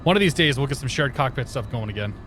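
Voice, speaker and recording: A man's voice: mid-range voice, expressive, quick pace, a bit bright. Man, livestream headset audio, casual rambling commentary, greets chat, faint background hiss. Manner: rambling and chatty, greets chat viewers by name. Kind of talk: casual commentary while flying a flight simulator.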